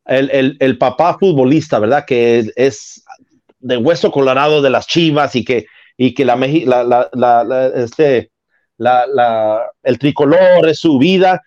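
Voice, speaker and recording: A man's voice: mid-range voice, measured pace, darkish tone. A man, co-hosting a casual podcast chat and explaining his views through long analogies. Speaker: podcast co-host. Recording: slightly dull lo-fi sound.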